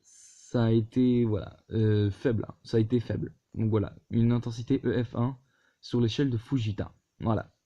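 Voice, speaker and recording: A man's voice: medium pitch, fairly even intonation, moderate pace, dark tone. A man hosting a casual weather vlog from his computer, hesitant, with many fillers and restarts. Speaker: weather video host. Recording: dull lo-fi recording.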